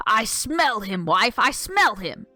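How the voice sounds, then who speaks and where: A woman voicing a huge, greedy male ogre in a storybook reading, slow and threatening. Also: on the high side, big pitch swings, sharp tone, no room sound, exaggerated voice. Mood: menacing.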